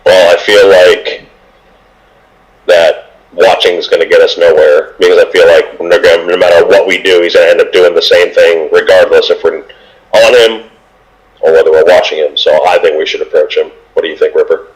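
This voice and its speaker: A man with a very deep voice talks through his moves in a tabletop game. He deliberates aloud in a casual way, his delivery staying flat and even. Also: rough recording. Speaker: player.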